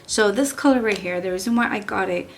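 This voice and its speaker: Speaking fairly quickly in a mid-range voice, a young Texan beauty vlogger reviews makeup in a casual, rambling way, full of "likes" and restarts. There's a little hiss or hum in the recording.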